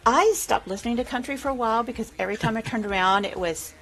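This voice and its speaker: A woman's voice: on the high side, fast, a bit bright. A middle-aged woman, hosting a livestream in a chatty way and laughing easily. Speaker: livestream host. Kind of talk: casual chat.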